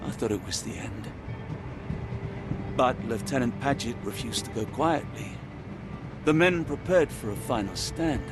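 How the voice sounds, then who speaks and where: An actor playing an earnest, anxious gentleman doctor in a video game, with a British accent and formal, expressive delivery. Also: mid-range voice. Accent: British English. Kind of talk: dramatic video game cutscene acting. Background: music.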